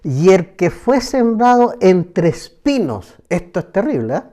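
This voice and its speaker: Male preacher for a Bible study program, unhurried, mellow, repeats key phrases. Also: sits high, very animated. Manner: slow, emphatic, repeats phrases.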